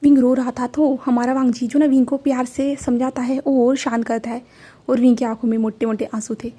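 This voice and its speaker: A woman's voice: a little high, flat delivery, brisk, warm tone, breathy edge. A woman casually narrating a fan-fiction story, retelling it with many fillers.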